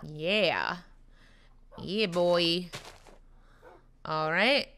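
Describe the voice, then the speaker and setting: A young woman commenting on her own video game play in a playful way, talking to the game's animals and making mock threats, with excited yelps. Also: lowish voice, drawn-out words, a little hiss or hum. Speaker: gaming channel host. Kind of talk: Minecraft let's-play commentary.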